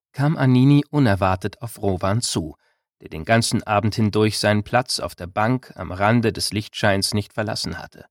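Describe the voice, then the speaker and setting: Man reading a storybook, lowish calm voice, super dry close mic. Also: no room sound. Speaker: audiobook narrator. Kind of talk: scripted narration.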